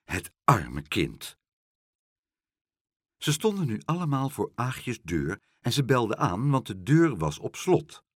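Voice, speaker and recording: Man reading a children's story, husky voice, very lively melody, dry close sound. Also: mid-range voice, no room sound. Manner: expressive, unhurried.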